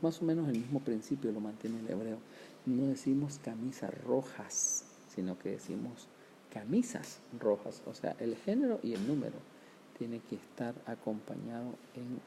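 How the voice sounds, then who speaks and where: A man's voice: mid-range voice, dark tone, slight background noise. A man teaching a Hebrew grammar lesson, explaining step by step, sounding out words syllable by syllable and checking with "¿verdad?".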